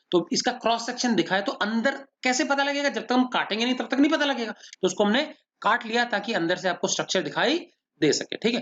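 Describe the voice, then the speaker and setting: A man's voice: high voice, a bit bright. Patient male science teacher, dull lo-fi audio. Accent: Indian English. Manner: patient, checks understanding with frequent questions to students. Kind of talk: classroom lecture, mixing Hindi and English.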